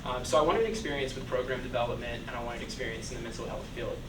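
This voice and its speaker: A man's voice: mid-range voice, racing. Young man talking from far off in an echoey room. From Georgia, US. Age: 20s. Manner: relaxed, hesitant with frequent fillers. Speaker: AmeriCorps volunteer. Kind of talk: casual self-introduction. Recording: echoey room, distant mic, background noise.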